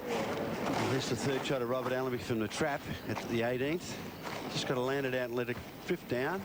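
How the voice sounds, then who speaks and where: A man's voice: medium pitch, steady tone, normal speed. A man giving live television golf commentary in short, analytical descriptive phrases. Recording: very noisy outdoor broadcast sound.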